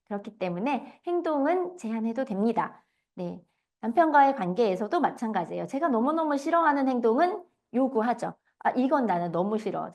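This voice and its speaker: Lively Korean woman lecturing. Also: on the high side. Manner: lively, asks the audience questions. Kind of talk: online lecture.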